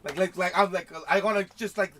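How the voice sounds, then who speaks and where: A man's voice: high voice, brisk, a crowd in the background. A man chatting casually in a slangy, profane frat bro manner. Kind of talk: casual chat.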